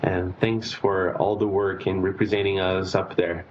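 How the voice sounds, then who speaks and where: A man's voice: sits low, flat delivery, unhurried. A man from Brazil sending in a recorded question. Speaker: member of the public asking a question. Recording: dull lo-fi clip, faint noise.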